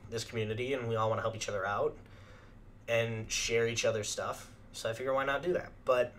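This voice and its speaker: A man's voice: medium pitch, steady tone, a little fast, a bit bright, slight background noise. Rambling young man losing his voice. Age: young adult. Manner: rambling, filler-heavy chatter. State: losing his voice, throat-clearing. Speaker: reaction channel host. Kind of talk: casual reaction commentary.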